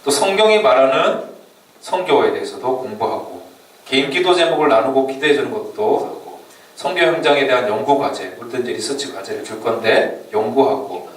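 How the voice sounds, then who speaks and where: A man giving an informal orientation lecture to church youth before a mission trip, chatty and quick to laugh. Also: medium pitch, expressive. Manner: chatty, laughs often, leans on fillers while explaining. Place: church meeting room or hall. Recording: echoey hall from far off, faint room noise.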